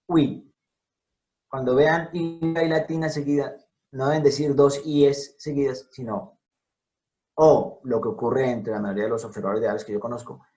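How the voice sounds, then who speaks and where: A man's voice: medium pitch, a little mellow, rough recording. A man giving a lecture over a video call, carefully spelling out and repeating each sound as he explains. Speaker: lecturer on scientific name pronunciation. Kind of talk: explanatory talk over slides.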